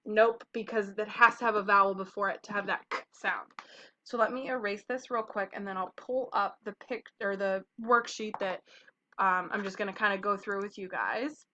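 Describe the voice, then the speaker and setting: A woman's voice: mid-range voice, steady tone, normal speed, bright, forceful tone, a little hiss or hum. A young woman teaching kindergartners phonics, patiently sounding out letters and short vowels one by one. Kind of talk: phonics lesson for young children. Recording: dull lo-fi home recording.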